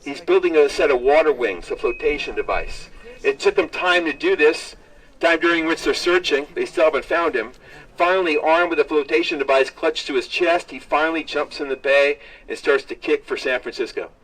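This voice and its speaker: A man with a slightly high-pitched voice is picked up some way from the microphone. He speaks as a tour guide, telling a story live to a group. His delivery uses short dramatic phrases and puts questions to the listeners. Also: moderate pace, fairly bright tone. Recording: distant mic, live on-site capture.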